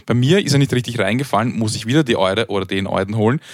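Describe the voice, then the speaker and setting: A man's voice: on the low side, fast, no room sound, clean studio sound. A young man with a Viennese accent, co-hosting a casual chat and ranting bluntly about everyday annoyances with some swearing. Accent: Viennese German. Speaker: podcast co-host.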